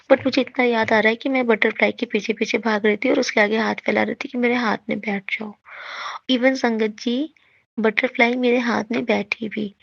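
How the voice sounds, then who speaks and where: Woman, devotional testimony to a congregation; higher pitch, gravelly fry, dry dull lo-fi sound. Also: no echo. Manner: earnest, often addresses the listeners as sangat ji. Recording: dull lo-fi recording.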